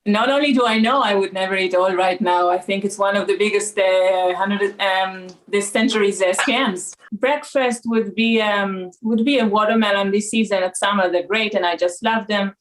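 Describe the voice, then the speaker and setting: A woman in her forties from Israel with an Israeli accent, a raw food consultant talking as a guest in a casual interview, pausing often with uh and um. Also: medium pitch, steady tone, rough recording. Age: 40s. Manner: hesitant, many uh and um fillers.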